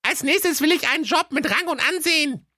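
A man putting on a shrill falsetto greedy wife, bossy, scolding, piercing and bright, comic audio fairy tale, dry close mic. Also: animated, brisk, dry recording, heavily acted. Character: greedy lazy demanding wife, middle-aged woman.

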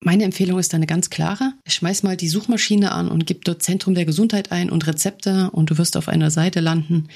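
A woman's voice: fairly low pitch, fairly even intonation, brisk, few pauses, darkish tone, husky. A woman hosting a podcast, talking straight to the listener in a chatty, encouraging way. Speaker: podcast host. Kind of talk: scripted podcast monologue on healthy eating.

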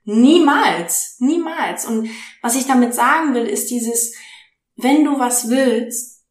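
Upbeat woman with a higher voice. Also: takes it slowly. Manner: animated, excitable storytelling. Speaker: interview guest, podcaster. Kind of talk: casual interview chat. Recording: echoey room.

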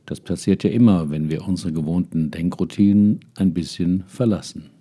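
A man's voice: deep voice, moderate pace, dark tone, breathy edge. An older man telling a story, musing and speaking straight to his listeners. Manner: musing, addresses listeners directly. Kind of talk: reflective spoken essay and story reading.

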